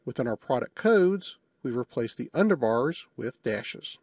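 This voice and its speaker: A man narrating a screencast tutorial, walking through a software demo in a relaxed, matter-of-fact way with small jokes. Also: mid-range voice, a little slow, dry recording, studio quality.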